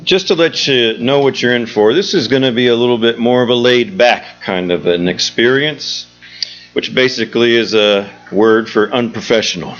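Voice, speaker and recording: A theatre executive director hosts a show, offering a live audience an informal, joking welcome. His mid-range voice is a bit bright and moves at a moderate pace. The live recording is dull and lo-fi, with music behind him.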